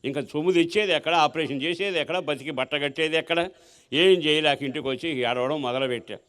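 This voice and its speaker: A male pastor telling his life story in a sermon, asking rhetorical questions and swinging between strong and soft feeling. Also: a little high, fast, clean tone. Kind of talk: sermon testimony.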